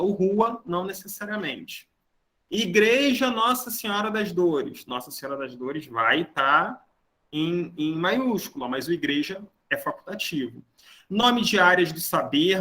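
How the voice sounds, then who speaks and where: A man's voice: high-pitched, sharp tone. A man teaching a grammar lesson to a class, explaining rules step by step and often checking that students are following. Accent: Brazilian Portuguese. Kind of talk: online grammar lecture.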